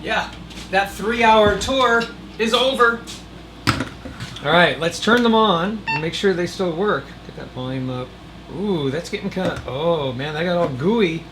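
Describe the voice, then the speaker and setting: A high-sitting voice with lively intonation comes through a noisy background at a slightly slow pace. The man hosts a DIY channel, narrating in a laid-back, folksy way with wry asides to the audience.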